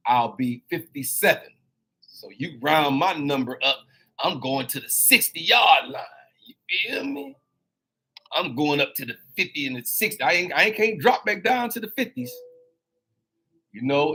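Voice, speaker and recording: A man in his fifties with a somewhat high voice delivers a motivational talk like a sermon. He calls out to his listeners, repeats lines for emphasis, and laughs often. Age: 50s. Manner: animated and preachy, addressing listeners directly. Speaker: host.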